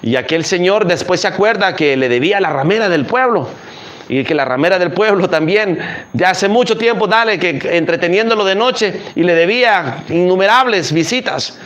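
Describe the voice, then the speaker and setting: A man's voice: sits high, lively intonation, moderate pace, fairly bright tone. A man preaching a sermon as a missionary, telling a parable and then pressing its lesson with direct questions. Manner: storytelling, then pressing home the point with questions.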